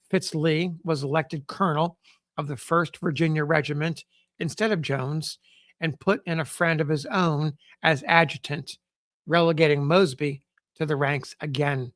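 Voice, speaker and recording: Guy reading an old newspaper piece on his podcast, steady formal delivery, voice a bit on the high side, no room echo. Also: studio quality. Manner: measured, formal reading with occasional stumbles. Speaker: podcast host. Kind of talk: reading a period newspaper sketch aloud.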